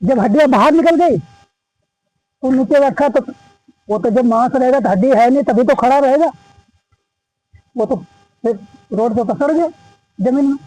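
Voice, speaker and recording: A man's voice: very high voice, measured pace, long pauses, dark tone, dry recording, low-quality recording. A man telling a religious legend at an ashram in a folksy, repetitive way, slipping into the voices of his characters. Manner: folksy, repetitive, acts out quoted dialogue. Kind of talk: casual oral storytelling. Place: ashram gathering.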